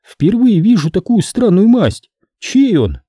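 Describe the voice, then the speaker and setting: Man doing a firm practical mom in a storybook, pitched way up, dry close sound. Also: very animated, measured pace, dark tone, breathy edge, no room sound, exaggerated voice. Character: practical mother, firm but kindly.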